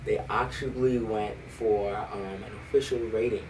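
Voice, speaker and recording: Distant-miked band director telling stories. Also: male voice, fairly low pitch, fairly even intonation, moderate pace, background noise. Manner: eager storyteller with frequent um and restarts. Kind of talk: conversational interview. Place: library.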